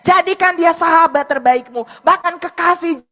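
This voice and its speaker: A woman pastor with a high voice preaches at a church service. She tells a personal story in a lively storytelling manner, acting out the lines of each person she quotes. She speaks to the congregation directly throughout. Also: normal speed. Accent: Indonesian. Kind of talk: sermon with personal testimony.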